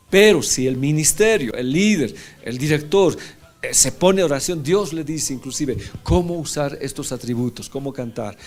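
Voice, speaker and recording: Male pastor, sermon delivery, raised pitch, rough gravelly edge, folksy asides. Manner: preaching with emotional swings, often rising in pitch; conversational asides and tag questions.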